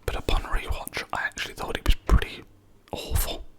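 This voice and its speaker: An adult ASMR creator talking in a soft, unhurried whisper, often pausing on "um" and "yeah". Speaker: ASMR creator reviewing own film collection.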